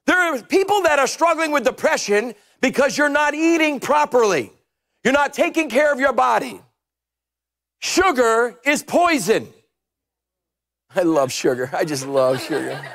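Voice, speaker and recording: On a church stage, a middle-aged pastor wearing a headset mic delivers a funny, lively sermon, sometimes shouting to drive his points home. His voice is gravelly and pitched extremely high.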